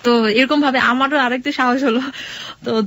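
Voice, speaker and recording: A woman's voice: high-pitched, steady tone, normal speed, a bit bright. A young woman calling in to tell her life story in casual chat, repeating phrases and acting out dialogue.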